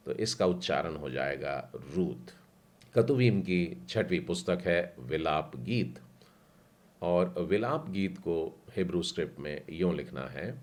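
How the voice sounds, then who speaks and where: A man teaching a language class, patiently spelling out letters and syllables one by one before saying each whole word. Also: low-pitched.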